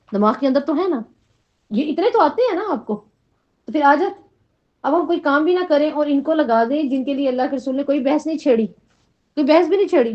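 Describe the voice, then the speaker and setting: A woman's voice: high-pitched, darkish tone. A middle-aged woman teaching a Quran lesson to a class, often asking questions and checking in with "right?". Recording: dull lo-fi recording.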